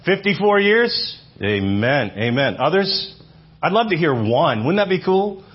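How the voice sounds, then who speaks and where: This sermon comes from a man in his fifties whose husky voice sits on the high side and is very animated, though his pace stays measured. He speaks to the church audience conversationally, repeating phrases and asking them questions. The audio quality is dull and lo-fi.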